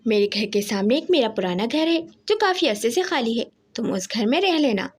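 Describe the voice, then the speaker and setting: A woman's voice: fairly high pitch, big pitch swings, breathy edge. A woman voicing a naive, trusting little female sparrow in a cartoon story. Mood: friendly. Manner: sweet, quick to take offense.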